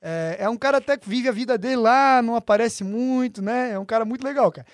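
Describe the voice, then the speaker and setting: A man with a Brazilian accent, telling a story in a casual podcast chat, animated and slangy, swearing freely and acting out the voices of the people he quotes. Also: very high voice, fast talker, no room sound, clean studio sound.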